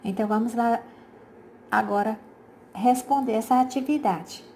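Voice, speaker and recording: A woman's voice: a little high, moderate pace, a little mellow, a little hiss or hum. A Brazilian woman teacher explaining a grammar exercise to her pupils in a recorded lesson, patient and repetitive, often checking in with her class and using fond diminutives. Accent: Brazilian Portuguese. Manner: addresses pupils as "gente", uses diminutives.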